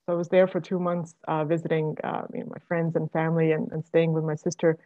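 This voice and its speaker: A woman's voice: sits low, completely flat delivery, quick pace. A woman in her forties from Estonia, talking reflectively in a casual conversation, full of fillers and restarts. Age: 40s. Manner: hesitant, many fillers and restarts. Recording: dull lo-fi sound.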